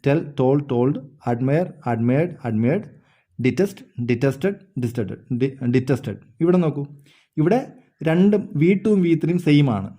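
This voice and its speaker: A man's voice: medium pitch, sing-song, normal speed, dark tone. A man teaching an English grammar lesson, explaining step by step, repeating words and often checking whether the listeners understood.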